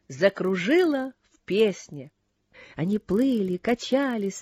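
A woman narrates an audiobook in a soft, lyrical and unhurried way. Her voice sits a bit high and sounds mellow. The recording is dry and close. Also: breathy edge, no echo. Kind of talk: audiobook reading.

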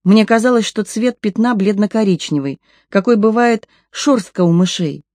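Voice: medium pitch, moderate pace, darkish tone, no room sound, studio quality. Чтец, ровное повествование от первого лица. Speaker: audiobook narrator. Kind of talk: first-person audiobook narration.

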